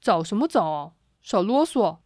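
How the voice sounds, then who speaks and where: A woman voicing a rude, bad-tempered grown man who barks and shouts, in a children's storybook. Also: a little high, measured pace, no room sound, studio quality, close to an everyday voice. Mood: angry.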